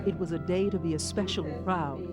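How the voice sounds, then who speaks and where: A woman news reporter giving scripted narration for a television feature in an even, measured newsreader delivery. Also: lowish voice. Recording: voice-over with music behind.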